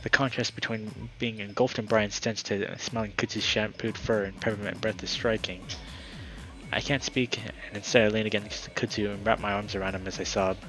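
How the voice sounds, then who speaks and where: A man's voice: on the low side, little pitch movement, normal speed, sharp tone, soft background music, low-quality recording. A man reading a visual novel aloud for his channel, narrating dramatically with the odd casual aside. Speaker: gaming YouTuber.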